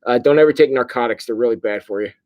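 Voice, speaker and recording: Middle aged guy, pastor doing a casual update, kinda drugged and sleepy sounding, halting, average pitch. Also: a little mellow. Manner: sedated, halting and groggy from medication. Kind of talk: casual livestream update to congregation. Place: hospital room.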